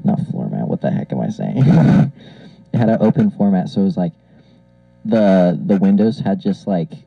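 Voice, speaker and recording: A young male podcast co-host talks through an old karaoke mic that sounds like a cockpit intercom, muffled and dry. His voice sits a little low, and he rambles with lots of fillers and laughs. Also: lively intonation, normal speed, creaky, no room sound. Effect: muffled karaoke-machine mic, like a pilot on an intercom. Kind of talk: casual chat. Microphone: old karaoke machine microphone.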